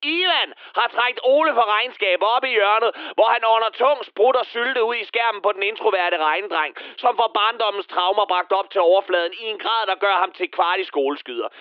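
A bitter middle-aged misanthrope spits out a crude, venomous rant in a high, strained voice, as a man plays him on satirical radio. His voice is smooth and carries well. The sound is close and dry, with a slightly dull radio tone. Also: few pauses, no echo, lightly acted. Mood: sneering rant. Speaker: comedy character.

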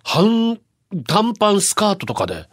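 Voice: medium pitch, wildly swooping pitch, normal speed, dry recording, clean studio sound. A radio host in casual chat, reading listener letters aloud and acting out the quoted voices.

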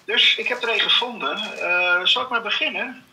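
A man on a phone call, heard through a speakerphone held to a microphone. His voice sits high and gravelly, with a very bright, sharp edge. He talks hesitantly with lots of fillers and a dry, understated delivery. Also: moderate pace, a little hiss or hum. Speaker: phone-in guest telling a joke. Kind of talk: casual joke-telling over the phone. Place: phone call from elsewhere, held to the studio mic.

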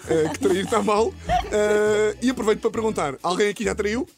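A young man with a European Portuguese accent rattles through a comic monologue at a brisk clip. His delivery is mocking, and he keeps slipping into little acted-out dialogues. Faint music plays underneath. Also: sits high. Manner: quick, mocking, acts out voices and dialogues. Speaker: comedy podcast host. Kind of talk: stand-up style comic monologue.

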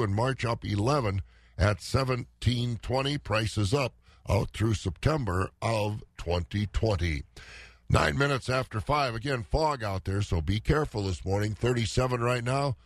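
A man's voice: medium pitch, normal speed, no echo, studio quality. A man, a morning radio host reading weather and market prices in conversational, clipped phrases.

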